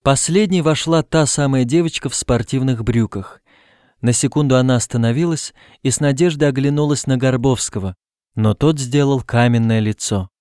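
A man reading a novel aloud as narrator, calm and steady, raising his voice for the characters' shouts. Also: mid-range voice, moderate pace, clean tone, no echo, clean studio sound. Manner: reads calmly, lifts his voice for characters' shouts.

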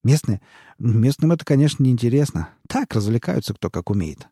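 A man's voice: medium pitch, sing-song, brisk, warm tone, slightly rough, no room sound, studio quality. A man reading aloud and voicing a fawning, frightened male snitch who pleads and wheedles in folksy slang. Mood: wheedling.

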